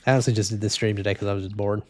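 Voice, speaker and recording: This young man talks very fast while reading chat on a casual gaming stream, in a dry recording. His voice is slightly congested, flat, and low-energy, and he calls it boring. Quiet game music and keyboard typing are in the background.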